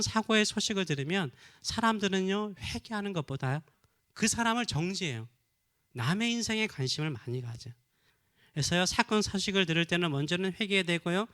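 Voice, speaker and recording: A man's voice: sits high, sharp tone. A middle-aged male pastor from Korea preaching a sermon, telling a story and then crying out fervently in prayer.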